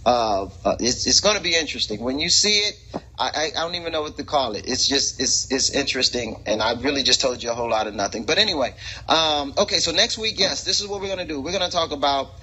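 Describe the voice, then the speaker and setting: A man hosting a casual talk show, rambling and preachy with lots of fillers, in a husky voice. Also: mid-range voice, lively intonation, fast talker, sharp tone, rough recording. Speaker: podcast host and preacher. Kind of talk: casual chat.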